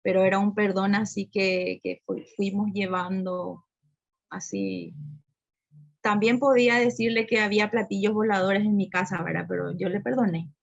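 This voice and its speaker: A middle-aged woman giving a personal testimony at a women's talk, unhurried and often tagging on a questioning "right?". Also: medium pitch, steady tone, vocal fry. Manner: unhurried, with frequent rhetorical "¿verdad?". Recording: dull lo-fi recording.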